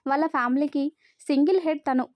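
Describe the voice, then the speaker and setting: A woman's voice: high-pitched, fairly quick, a little mellow, dry recording, close to an everyday voice. A woman voicing a friendly, frank young groom, in a storybook reading. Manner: cheerful, frank.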